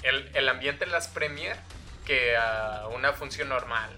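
A man's voice: mid-range voice, unhurried, pushed and bright, faint music behind. A man with a Mexican Spanish accent chatting casually in an easygoing, teasing way. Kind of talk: casual chat.

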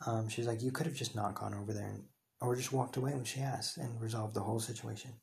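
A man's voice: mid-range voice, steady tone, fast talker, vocal fry. A young man hosting a podcast, telling a heated story in a rambling way, with many restarts and fillers. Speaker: podcast host. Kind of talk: casual storytelling monologue.

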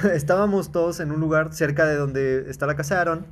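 A man's voice: on the high side, fairly quick. A young man with a Mexican accent, chatting casually with slangy banter. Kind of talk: casual chat.

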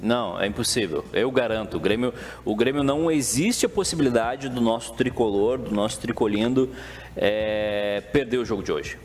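A man's voice: medium pitch, normal speed. A man, hosting a casual sports chat in a teasing, mock-serious way. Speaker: host.

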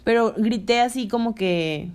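A woman with a Mexican accent in casual chat, retelling a story in animated fashion and acting out what was said. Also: on the high side, unhurried, clean tone. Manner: animated retelling with acted-out quotes and shrieks.

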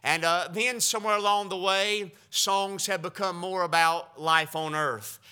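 A man's voice: sits high, fairly even intonation, measured pace, pushed and bright, smooth. A male pastor preaching a sermon, fervent and repetitive, with rhetorical questions and joking asides to the congregation.

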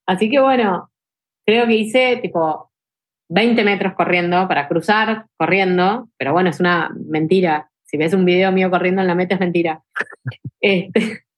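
A woman's voice: fairly low pitch, moderate pace. A young adult woman with a Rioplatense Spanish accent, telling emotional stories as a podcast guest in casual chat, with many fillers like "tipo" and "este". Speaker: ultra trail runner guest.

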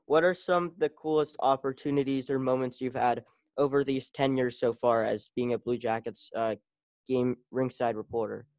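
A man's voice: mid-range voice, fairly even intonation, normal speed, a little mellow, no echo. A man interviewing a hockey reporter in a friendly, easygoing way. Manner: friendly, laughs along. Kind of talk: casual interview.

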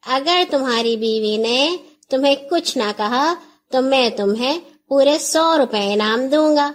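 Woman playing a scoffing village moneylender, lively and teasing. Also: high-pitched. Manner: scoffing, bargaining. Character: mocking older male moneylender.

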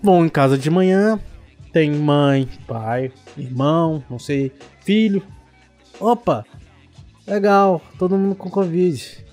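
A man's voice: a little high, slow, a little mellow, soft background music. A man with a Brazilian accent, ranting indignantly and sarcastically, with plenty of swearing, in a casual chat. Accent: Brazilian Portuguese.

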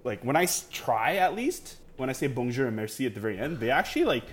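A man co-hosting a casual podcast chat, talking in a relaxed, rambling way full of fillers. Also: mid-range voice, fast. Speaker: podcast co-host.

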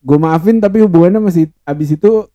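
Young male guest, casual storyteller, mellow tone, slangy, dry close recording. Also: high voice, quick pace, dry recording. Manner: slangy, swears often, laughs easily. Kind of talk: casual podcast chat.

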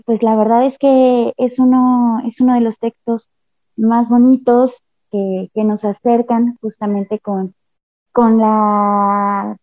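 A woman's voice: fairly high pitch, warm tone, no room sound. A woman, a cultural promoter giving a reflective panel answer with frequent restarts over a call. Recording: tinny phone-like line, dry.

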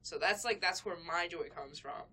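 A woman's voice: lowish voice, moderate pace, sharp tone, husky. A young woman co-hosting a casual podcast, rambling with lots of fillers and restarts, laughing often. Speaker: podcast co-host. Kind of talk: casual chat.

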